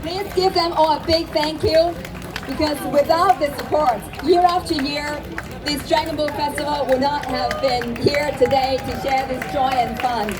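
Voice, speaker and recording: A woman from Hong Kong addresses a festival crowd through a microphone outdoors. Her voice sits fairly high, formal and upbeat. A busy crowd hums around her. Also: steady tone, normal speed. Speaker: festival speaker and trade office director. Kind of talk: public welcome speech. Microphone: handheld microphone over a PA. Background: crowd noise.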